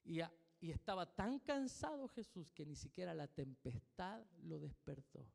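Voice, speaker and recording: A man's voice: fairly high pitch, very animated, normal speed, creaky, a little mellow. Man, Chilean accent, pastor, emphatic sermon, long church-hall reverb. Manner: emphatic preaching with repetition and questions to the congregation. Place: church sanctuary.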